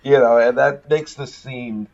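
A man's voice: medium pitch, fairly even intonation, unhurried, creaky, darkish tone. A New England man with a Northeastern US accent, talking films in a loose, eager way and often restarting sentences. His voice sits mid-range. The podcast audio is slightly dull. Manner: enthusiastic, rambling, many restarts. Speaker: podcast co-host. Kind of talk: casual film discussion.

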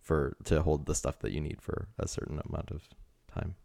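A man's voice: rumbling low, moderate pace, gravelly, dark tone, dry recording, clean studio sound. A man co-hosting a comedy podcast who rambles through ideas with plenty of fillers and keeps breaking into laughter. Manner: giggly, rambling, full of fillers. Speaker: podcast co-host. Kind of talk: casual comedic chat.

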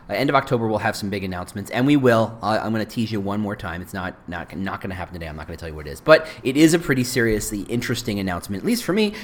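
Lively rambling male podcast host. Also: lowish voice. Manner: rambling, self-interrupting, lively delivery. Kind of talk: casual solo podcast talk.

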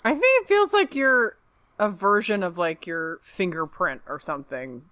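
A woman's voice: fairly low pitch, lively intonation, normal speed, a bit bright. A woman podcast co-host in casual chat, reacting with easy laughter and amused comments.

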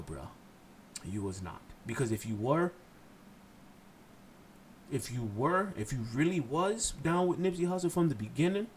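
A man's voice: mid-range voice, a little hiss or hum. A man from Haiti hosting a solo podcast, blunt and impassioned, cursing freely as he lectures his listeners. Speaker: podcast host.

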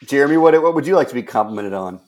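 Lively, goofy man joking on a podcast. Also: mid-range voice, rapid-fire. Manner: goofy, laughs at his own jokes. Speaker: comedy podcast panelist. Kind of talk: casual comedy podcast banter.

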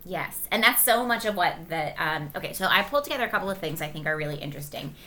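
A woman's voice: on the low side, expressive, quick pace, pushed and bright. A young woman co-hosting a podcast, chatting playfully and reading research aloud. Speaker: podcast co-host. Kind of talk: casual chat.

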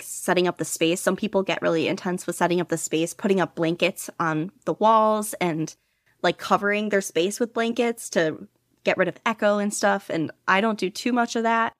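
Medium in pitch, her voice comes through a dry recording with clean studio sound. She's a podfic narrator chatting as an interview guest, rambling animatedly, running herself down and quick to laugh about it.

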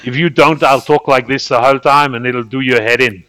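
A man with a Northern Irish accent chatting casually as a podcast host, telling anecdotes in a hesitant, halting way. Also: medium pitch, steady tone, bright, forceful tone, no echo.

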